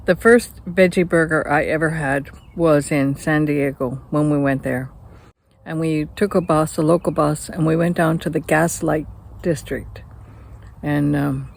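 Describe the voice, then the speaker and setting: A woman's voice: sits low, steady tone, measured pace, creaky. An older woman chatting and narrating her camping trip at an outdoor campsite, telling stories as she goes. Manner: chatty, storytelling. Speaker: camping vlog host. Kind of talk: casual chat and narration.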